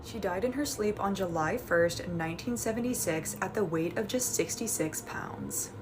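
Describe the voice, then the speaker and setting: A woman's voice: mid-range voice, moderate pace, noisy background. A woman reading a scripted true-story narration, with a conversational touch.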